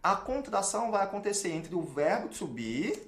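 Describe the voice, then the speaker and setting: A man's voice: sits high, very animated, moderate pace, roomy sound. A man with a Brazilian Portuguese accent teaching an online English lesson, explaining step by step and checking in with "ok?" often.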